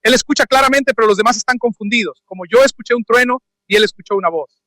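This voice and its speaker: A man preaching a lively sermon in a church, asking the congregation questions and acting out the dialogue of the scripture figures. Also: very high-pitched, fast talker, dry recording, rough recording. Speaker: pastor. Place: church sanctuary. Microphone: handheld or stand microphone.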